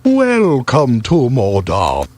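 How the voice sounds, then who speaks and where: Gatekeeper of a gloomy valley, game role: husky, unhurried, theatrical. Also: male voice, mid-range voice, huge pitch swings, a little mellow, no echo, heavily acted. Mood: welcoming, curious. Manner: slow, dramatic, swooping delivery. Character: male gatekeeper of a dark Eastern European valley, talkative. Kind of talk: video game character dialogue.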